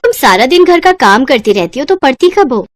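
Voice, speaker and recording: A woman voicing a kind, sensible young bride in a cartoon story, speaking gently and caringly. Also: sits high, big pitch swings, a little fast, no room sound, voice pushed up. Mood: gentle.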